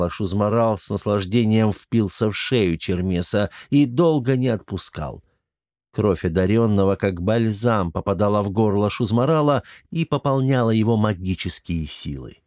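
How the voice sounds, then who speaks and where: A man narrating an audiobook in a steady, even storytelling voice. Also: fairly low pitch, no echo, clean studio sound. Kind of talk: scripted narration.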